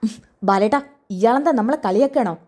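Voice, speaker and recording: A woman's voice: on the high side, fairly quick, darkish tone, lightly acted. Woman doing a whiny loyal sidekick man. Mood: fussy. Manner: whiny, complains. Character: fussy loyal male sidekick, complaining.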